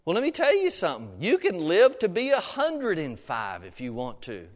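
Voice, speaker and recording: Speaking high with huge swings in pitch at a moderate pace, a middle-aged man preaches a folksy, exhorting sermon to a congregation in a large room. His phrasing is colloquial, and he punctuates his points with questions and amens. The hall is reverberant, with a long echo.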